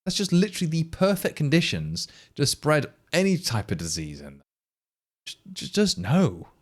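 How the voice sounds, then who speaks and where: With a high-leaning voice and huge pitch swings at a moderate pace, an English man from the East Midlands chats to his stream viewers while programming live. He rambles, gets exasperated, and restarts a lot.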